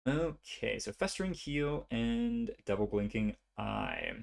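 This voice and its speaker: A man's voice: mid-range voice, big pitch swings, takes it slowly, gravelly. A young man casually narrating his own turns in a solo tabletop board game, thinking aloud and counting dice as he goes.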